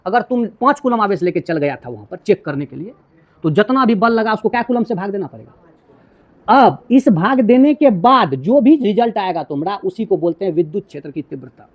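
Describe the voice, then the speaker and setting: A male teacher explains physics in a lively classroom lecture. He keeps checking whether his students follow him and uses everyday household examples to make each point clear. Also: sits high, fairly quick, lo-fi sound. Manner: asks repeated check questions to students.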